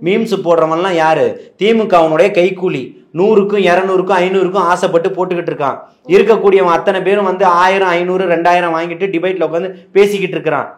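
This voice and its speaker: A fiery male party spokesman fires back at an interviewer with rhetorical questions that swell into impassioned outbursts. His voice sits fairly high for a man, and it rings with echo from the setting. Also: steady tone, fast talker. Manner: combative, rhetorical questions, rising to impassioned shouting. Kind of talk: heated political interview.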